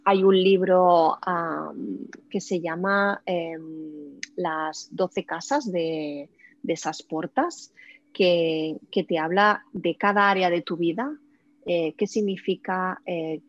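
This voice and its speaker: A woman's voice: lowish voice, slow pace, no room sound. A woman in her forties, an astrologer guest chatting in a podcast interview, hesitant, with many fillers and restarts. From Spain. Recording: muffled lo-fi audio.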